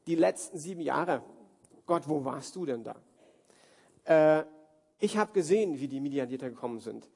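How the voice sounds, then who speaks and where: Preacher doing a fed-up young doubter, casual and pleading, somewhat high; reverberant hall. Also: male voice, expressive, moderate pace, creaky, pauses often, a little mellow, breathy edge, exaggerated voice. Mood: complaining. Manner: casual, modern retelling.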